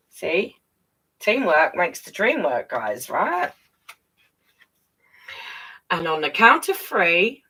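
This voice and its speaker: A woman storyteller reads a children's picture book aloud with lots of expression, breaking off for chatty asides aimed right at her young listeners. Her voice sits low, fairly bright with a breathy edge, and the recording is rough.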